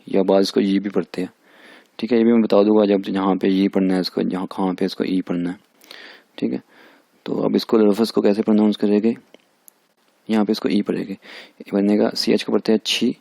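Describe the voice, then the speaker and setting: एक पुरुष शिक्षक, पाकिस्तानी उर्दू लहजे में, जो शब्दों की ध्वनियाँ बार-बार दोहराकर धैर्य से अभ्यास करवाते हैं।. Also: male voice, lowish voice, creaky, warm tone, no room sound. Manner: repeats each sound many times, patient and drilling. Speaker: language teacher. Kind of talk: recorded language lecture over slides.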